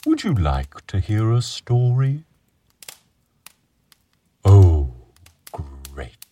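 A man voicing a gentle, friendly male dragon who guides children through a calm imagination exercise in a slow, soothing way. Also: fairly low pitch, slight background noise, heavily acted. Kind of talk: children's relaxation storytelling.

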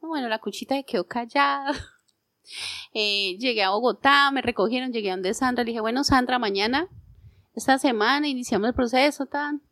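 A woman's voice: a little high, a little fast, no room sound. A Colombian woman telling her own story in a casual chat, acting out the dialogue she quotes. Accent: Colombian Spanish. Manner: animated, acts out quoted dialogue. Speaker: guest telling her testimony.

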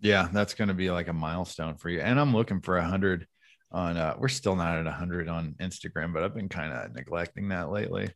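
A man co-hosting a podcast in casual, profane chat. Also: a little fast. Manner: laid-back, swears, lively pitch swings. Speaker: podcast co-host.

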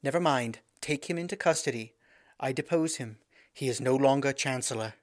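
A man's voice: medium pitch, normal speed, no echo, studio quality, natural voice. A man voicing a proud young queen in a storybook reading, speaking in a haughty, commanding way.

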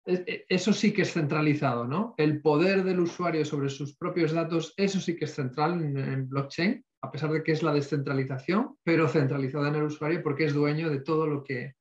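A man's voice: a little high, steady tone, brisk, few pauses. A man in an informal expert discussion, reflective, often adding tag questions and English tech terms to his Spanish. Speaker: panel participant. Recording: echoey room, dull lo-fi audio.

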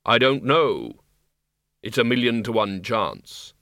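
A man voicing Death posing as a farmhand, speaking in short, flat, measured sentences. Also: on the low side, vocal fry, no echo, studio quality, exaggerated voice. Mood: solemn. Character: Death as a grave, terse farmhand.

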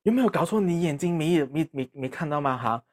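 Man voicing a scolding father, indignant, high-pitched, loud. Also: animated, a little fast. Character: exasperated scolding father, middle-aged man.

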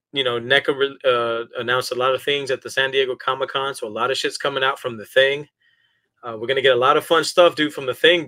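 Co-hosting a casual horror collectibles podcast, this man sounds relaxed, swears freely and keeps calling people bro. His voice sits at a medium pitch with a sharp tone.

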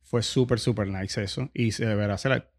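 A man's voice: on the low side, fairly even intonation, brisk. A man hosting a casual podcast interview, often repeating words as he searches for what to say. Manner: hesitant, repeats words while searching for them. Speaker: podcast host.

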